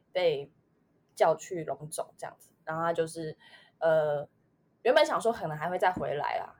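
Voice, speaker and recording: A woman's voice: sits low, a little mellow. Young Taiwanese woman telling a personal story. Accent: Taiwanese Mandarin. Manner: rambling, many fillers, emotional recollection. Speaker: podcast co-host. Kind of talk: casual chat, personal storytelling.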